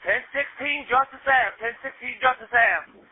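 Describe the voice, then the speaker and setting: A high, husky male voice comes through a two-way police radio, tinny and narrow like a phone line. He is a police officer who speaks in terse, urgent calls and repeats key words. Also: moderate pace. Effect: heard over a two-way police radio.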